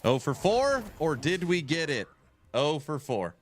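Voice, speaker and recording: A man streaming a game chats casually with his viewers, relaxed, and answers their chat questions aloud while nasal from a cold. His voice is fairly high and unhurried, with faint music behind him.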